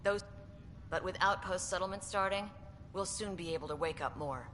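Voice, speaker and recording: A woman's voice: fairly low pitch, moderate pace, fairly bright tone, long reverb tail, a little hiss or hum, close to an everyday voice. A woman voicing a seasoned female starship captain with a matter-of-fact manner.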